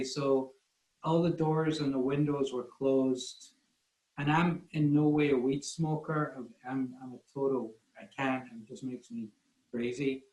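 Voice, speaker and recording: A guest photographer from Scotland, speaking with a Scottish accent, tells rambling, self-deprecating stories during a casual online talk. His voice is fairly high with a darkish tone, and the recording has a roomy echo.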